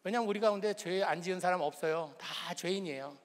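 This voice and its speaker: A man's voice: sits high, quick pace. Man preaching in a reverberant church. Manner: conversational preaching with rhetorical questions and humor. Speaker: pastor. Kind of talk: sermon. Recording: long reverb of a church hall.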